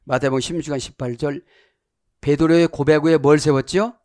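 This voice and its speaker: A man's voice: a little high, fairly even intonation, fairly quick, darkish tone, dry recording, clean studio sound. A middle-aged man preaching a sermon as pastor, teaching Greek words and acting out the voices of the people he quotes. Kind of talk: sermon with Greek word study.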